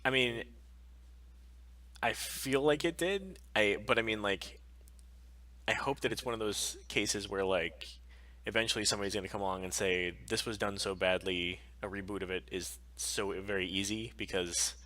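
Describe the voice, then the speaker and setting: A man co-hosting a weekly pop culture stream offers his opinions in a casual, emphatic, rambling way. His voice sits on the low side, with a sharp tone and a moderate pace.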